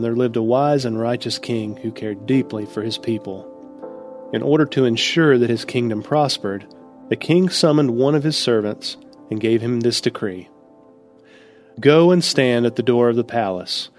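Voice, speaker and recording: A man reading a devotional story aloud in a calm, measured storytelling manner. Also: mid-range voice, soft background music. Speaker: narrator. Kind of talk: scripted devotional narration.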